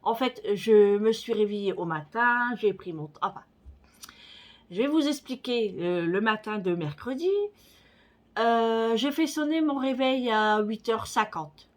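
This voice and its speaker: A woman in her forties talks casually to her viewers, rambling from one thought to the next with plenty of fillers. Her voice sits a little high, and her nose sounds slightly stuffy. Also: a little slow. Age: 40s. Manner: rambling, chatty storytelling with many fillers. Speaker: vlogger. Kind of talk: casual chat.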